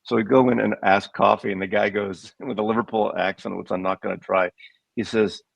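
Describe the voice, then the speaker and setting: An older American man who tells long, wandering stories in a casual livestream chat. His voice is very deep and gravelly, and it sounds dry and close, with no room echo. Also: steady tone, a little fast. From United States. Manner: rambling storyteller, digressive. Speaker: co-host.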